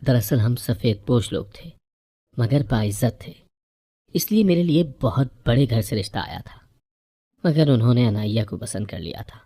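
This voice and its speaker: A woman narrating a first-person moral story in a measured, even reading voice. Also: a bass voice.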